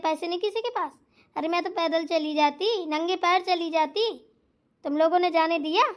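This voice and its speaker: Woman doing a bratty young bahu, sharp tongue, bundelkhandi accent, super high voice, cartoon. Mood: defiant. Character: young daughter-in-law, sulky and sharp-tongued. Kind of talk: cartoon voice acting.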